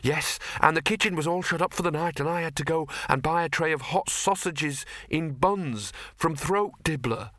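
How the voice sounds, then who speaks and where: A man's voice: fairly high pitch, moderate pace, hardly any pauses, pushed and bright, no echo, pitched above the performer's own voice. A man voicing a nervous male servant who whines and stammers in fear. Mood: nervous whining. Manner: whining, stammering, fearful.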